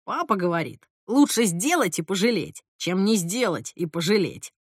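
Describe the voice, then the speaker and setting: A woman narrator plays a bookish young man, pitched lower and quieter than the rest. He talks dry and unhurried, with a close, dry sound. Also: very animated, husky, no room sound. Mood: calm.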